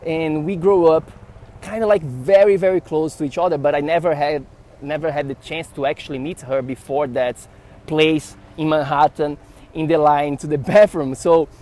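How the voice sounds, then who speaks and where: A man from Brazil with a Brazilian Portuguese accent, a podcast host telling a story casually to camera in an animated, rambling way. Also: a little high, normal speed. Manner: animated, rambling with fillers and restarts.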